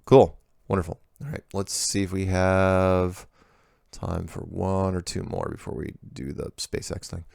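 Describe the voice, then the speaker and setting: A low-voiced middle-aged man with a gravelly edge works through viewer emails and comments on them in a relaxed, offhand way. The recording is dry and close, with almost no room sound. He sounds like a regular host chatting to his audience. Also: measured pace, no echo. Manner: easygoing, reads letters aloud and comments offhand.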